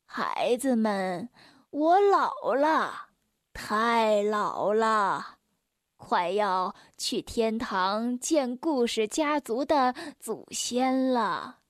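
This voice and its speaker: Woman reading as a weary old grandpa storyteller, very slow and sighing, lilting up and down, dry booth sound. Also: a little high, very animated, no echo, voice pushed down. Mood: sorrowful. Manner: slow, sighing, sorrowful delivery.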